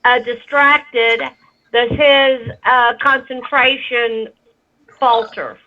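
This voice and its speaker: A woman playing a tabletop role-playing game, speaking deliberately with fillers. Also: fairly high pitch, steady tone. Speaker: player. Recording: tinny phone-like line.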